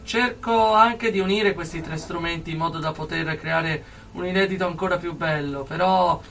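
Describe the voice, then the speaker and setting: A young adult man giving earnest, halting interview answers as a guest in a radio studio. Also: fairly high pitch, fairly bright tone, distant mic, slight background noise. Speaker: interview guest, aspiring musician.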